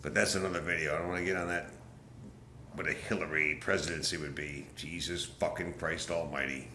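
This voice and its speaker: A man's voice: extremely low pitch, fairly even intonation, brisk, bright, forceful tone, reverberant, a little hiss or hum. A man ranting to camera in an angry, profane, rambling way, stumbling and restarting. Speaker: political vlogger. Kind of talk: casual rant to camera.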